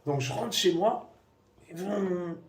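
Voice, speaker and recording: A man's voice: high-pitched, takes it slowly. A man giving a personal testimony to a congregation, acting out the dialogue with many fillers. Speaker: church member giving a testimony. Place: congregation meeting room. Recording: echoey room, distant mic, faint noise.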